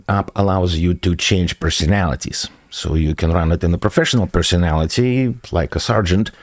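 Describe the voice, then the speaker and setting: A man streaming as a software developer, walking through his project step by step, answering viewer questions with frequent hesitations. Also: low-pitched, dry recording. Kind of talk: live stream tech walkthrough.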